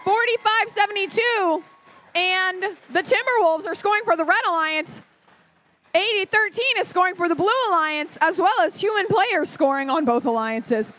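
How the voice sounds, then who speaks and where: A woman giving live play-by-play commentary at a robotics competition, briskly calling team numbers and plays. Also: extremely high pitch, lively intonation, fairly bright tone. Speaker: match announcer. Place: competition arena.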